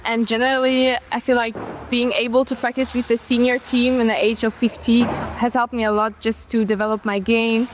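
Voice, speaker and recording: High-voiced teenage woman athlete. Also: level tone, normal speed, noisy background. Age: teens. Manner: chatty, playful.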